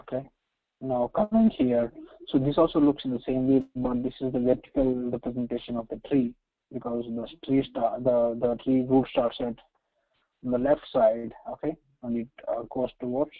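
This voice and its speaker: A man with an Indian accent teaching software step by step in a halting, repetitive way, often checking with short tag questions. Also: medium pitch, very animated, creaky. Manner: halting, repetitive, frequently checking with "right" and "okay". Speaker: software trainer. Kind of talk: screen-share software tutorial, explaining step by step. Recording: roomy echo, slightly dull lo-fi sound.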